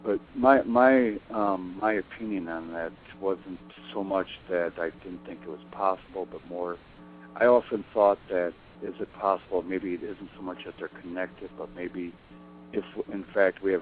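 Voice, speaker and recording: Deep-voiced rambling man co-host. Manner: rambling, halting, many restarts. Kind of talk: casual interview. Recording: tinny phone line with faint music.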